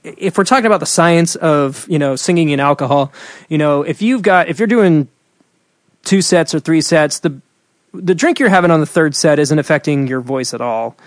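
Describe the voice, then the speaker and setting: A man's voice: a little high, moderate pace, no room sound. Chatty man with a dry close sound. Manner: chatty, rambling with many fillers and restarts. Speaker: singer and podcast co-host. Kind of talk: casual chat explaining vocal technique.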